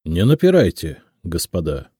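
A man's voice: low-pitched, wildly swooping pitch, normal speed, mellow, breathy edge, dry recording, studio quality, exaggerated voice. A man doing a whining, flustered cashier. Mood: harried. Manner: plaintive, pleading, flustered. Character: harried whining male office cashier.

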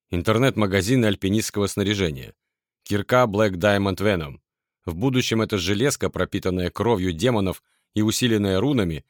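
A man reading a first-person story aloud in a steady, measured audiobook narration. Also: on the low side, dry recording, studio quality.

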